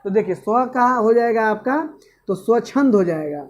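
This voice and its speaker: A man's voice: sits high, lively intonation, moderate pace. A male teacher giving an exam-prep grammar lesson, asking questions and answering them himself. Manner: asks and answers own questions, repeats "okay".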